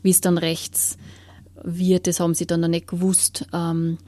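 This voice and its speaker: A woman giving an earnest personal testimony in an interview, often sinking into a hushed whisper as she searches for words. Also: on the low side, completely flat delivery, a little slow.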